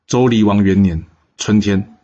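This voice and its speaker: A man narrating history stories for a podcast, lively, with exclaiming asides. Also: fairly low pitch, measured pace, lo-fi sound. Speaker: storyteller.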